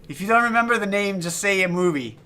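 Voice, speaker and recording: A man's voice: high voice, sharp tone. A man chatting casually on a livestream while making music, laughing often and restarting his sentences. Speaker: streamer and musician.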